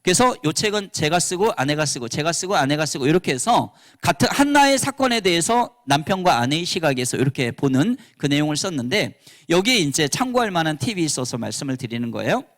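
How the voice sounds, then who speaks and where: Middle-aged male pastor lecturing teachers, high lively voice, acts out bits of dialogue. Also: fairly quick, hardly any pauses. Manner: animated, acts out quoted dialogue. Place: church hall.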